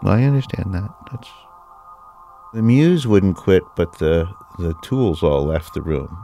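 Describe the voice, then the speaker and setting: A man's voice: low-pitched, measured pace, creaky, mellow, soft background music. A man co-hosting a podcast, pushing back skeptically in a casual debate. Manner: skeptical, argumentative. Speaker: podcast co-host.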